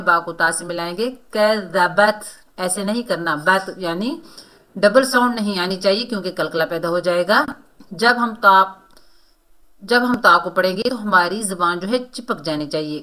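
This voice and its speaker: A woman teaching Quran recitation rules, explaining each sound and then reciting words slowly. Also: medium pitch, pushed and bright. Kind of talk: tajweed lesson, explaining and reciting.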